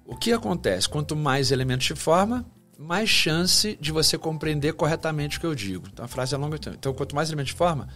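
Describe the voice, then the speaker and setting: A man's voice: on the high side, animated, quick pace, few pauses, fairly bright tone, faint music behind. A man from Brazil, a communication professor, explaining points in a podcast interview and acting out short example phrases.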